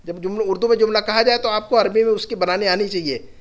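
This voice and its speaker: High-voiced man teaching grammar patiently. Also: steady tone, fast talker. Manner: patient, repeats examples aloud. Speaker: Arabic teacher. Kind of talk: classroom grammar lesson.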